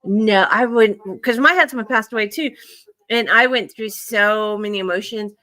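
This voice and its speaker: A middle-aged woman hosting a casual group chat, telling everyday stories in an animated, frank way. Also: medium pitch, moderate pace, no echo. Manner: chatty, animated storytelling with frank asides. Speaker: livestream host.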